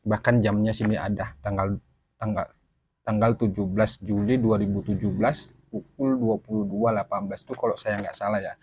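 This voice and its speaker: A man giving an emotional personal testimony to his viewers, talking haltingly and apologizing for stumbling over his words. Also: on the low side, animated, creaky, a little mellow, a little hiss or hum. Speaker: channel host.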